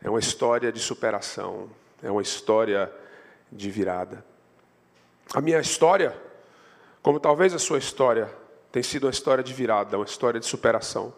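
A Brazilian man preaching a sermon as a pastor, in storytelling style, his voice rising in pitch and force on the points he stresses. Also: animated, fairly quick, creaky, long pauses. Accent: Brazilian Portuguese. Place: church sanctuary. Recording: long hall reverb.

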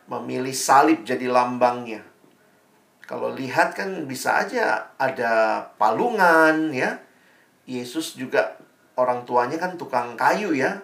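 A man's voice: mid-range voice, creaky, fairly bright tone, roomy sound. A man preaching a sermon in a conversational, storytelling manner with rhetorical questions. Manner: calls himself [name].

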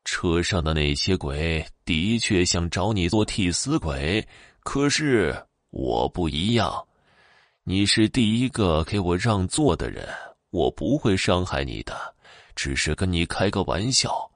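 A man voicing a menacing old woman ghost with fangs, speaking in drawn-out, sinister tones. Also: deep voice, very animated, no room sound, studio quality, heavily acted. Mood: reassuring.

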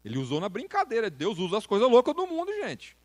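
A man's voice: high voice, wildly swooping pitch, fast. A man preaching to a youth service in a casual, slangy way, speaking straight to his listeners. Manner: informal, slangy, direct address to listeners. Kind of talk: sermon.

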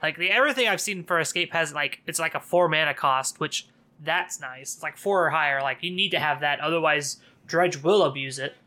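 Bright-voiced man chatting casually. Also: fairly high pitch, a little fast. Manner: sarcastic, laughs often. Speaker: podcast co-host. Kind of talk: casual card game chat.

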